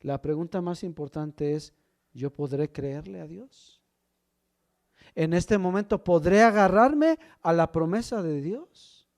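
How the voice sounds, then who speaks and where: A man preaching a sermon, swinging from loud emphasis to hushed low lines and asking the congregation questions as brothers. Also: slow pace. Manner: asks the congregation questions, addresses them as brother. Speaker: pastor.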